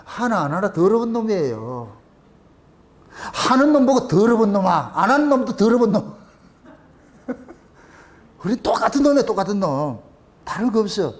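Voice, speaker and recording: Animated high-pitched preaching man. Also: moderate pace, pauses often. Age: middle-aged. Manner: colloquial, animated preaching with rhetorical questions and laughter. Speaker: pastor. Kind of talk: sermon.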